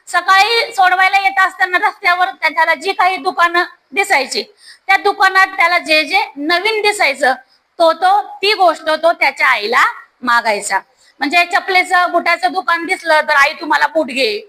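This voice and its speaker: Woman teacher talking to kids, really high voice, bright and clear, tells little stories. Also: rough recording. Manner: warm storytelling tone, addresses students directly. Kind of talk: explaining a devotional text to schoolchildren.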